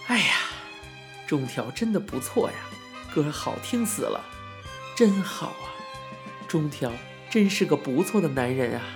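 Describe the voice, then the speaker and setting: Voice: mid-range voice, big pitch swings, takes it slowly, pauses often, over music. A narrator voicing a cheerful middle-aged mother in an audiobook, chatty and gushing. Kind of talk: audiobook character voice.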